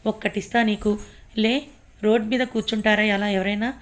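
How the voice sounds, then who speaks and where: A woman voicing a protective young husband who teases and gently scolds. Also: medium pitch, level tone, fairly quick, natural voice. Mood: scolding.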